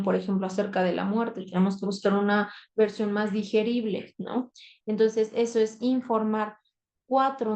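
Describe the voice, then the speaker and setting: Gravelly woman teaching online. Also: a little high, mellow, low-quality recording. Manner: explanatory, tag questions, frequent fillers. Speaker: instructor. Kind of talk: live online lecture.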